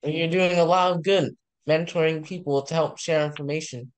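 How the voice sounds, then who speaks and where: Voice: medium pitch, steady tone, normal speed, smooth, poor audio. An interviewer asking friendly, short questions in a casual online chat.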